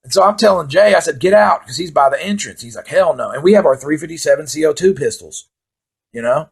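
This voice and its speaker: A middle-aged man with a gravelly, slightly raspy voice tells a story in a loose, rambling way, swearing constantly. He laughs at his own tale now and then and keeps a plain, casual pace. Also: a little high, animated, fast.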